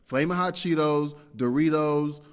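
A man's voice: fairly high pitch, unhurried, clear, resonant tone. Rambling man in a reverberant hall. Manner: rambling and self-deprecating, with frequent fillers and restarts. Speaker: podcast host. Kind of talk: casual solo podcast monologue.

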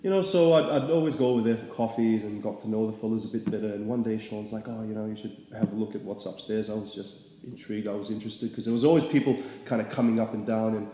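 A fast-talking young Singaporean artist with a low-leaning voice barely pauses as he rambles through his story in a casual interview. He's relaxed and uses lots of fillers, and the echoey room gives his words a long reverb.

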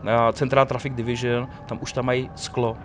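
A Czech man telling lively stories in a casual chat, quoting the people he met. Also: medium pitch, slight background noise. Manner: animated storyteller, quotes others. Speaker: guest telling of police ride-alongs.

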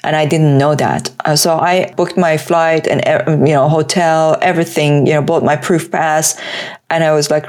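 A woman's voice: deep voice, darkish tone. A woman, a Persian speaker, talking earnestly and at length as a podcast guest. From Iran. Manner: earnest, emphatic, talks in long runs. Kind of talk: conversational interview.

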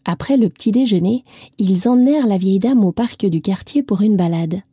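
Woman reading a kids story, soft husky voice, dry close sound, bit of music behind. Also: medium pitch, a little fast, no room sound. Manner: gentle, lively, speaks directly to a child listener. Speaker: storyteller for children.

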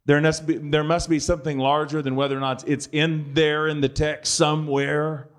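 A man's voice: on the high side, little pitch movement, normal speed, clean tone. A man giving a conversational sermon, with dry, joking asides. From United States. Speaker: preacher.

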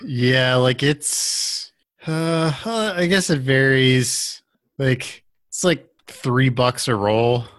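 A man co-hosting a casual podcast chat, talking in a halting way with many fillers and restarts. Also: medium pitch, a bit bright, no room sound. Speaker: podcast co-host.

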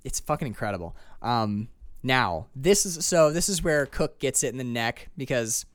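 A man's voice: mid-range voice, lively intonation, moderate pace, no echo. A man co-hosting a casual film podcast, talking animatedly and swearing as he acts out scenes. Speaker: podcast co-host.

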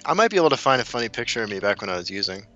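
Lowish but a bit bright, this American co-host's voice swings widely in pitch as he talks rapid-fire. Over soft background music on a lo-fi recording, he tells rambling stories in a casual chat, cutting himself off mid-thought.

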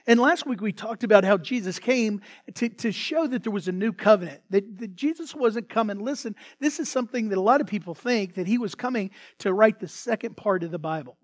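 A man preaches to his church in a loose, conversational way, stumbling into restarts and acting out quoted lines as he goes. His voice sits notably high for a man. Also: expressive, brisk, few pauses. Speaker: pastor. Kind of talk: sermon.

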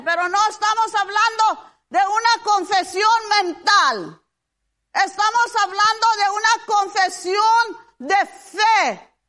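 A woman preacher delivering a fervent sermon, often shouting, with drawn-out hallelujahs and amens. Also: very high-pitched.

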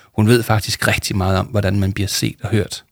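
A man reading aloud voices Paul, a calm and gentle adult counsellor. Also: fairly low pitch, vocal fry, no echo, clean studio sound.

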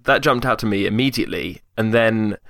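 A man's voice: on the low side, a little fast, vocal fry, a bit bright, no echo, clean studio sound. A young man hosting a casual chat, explaining his points with frequent restarts and eager detail. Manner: hesitant, many restarts, enthusiastic about detail. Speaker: podcast host discussing accents.

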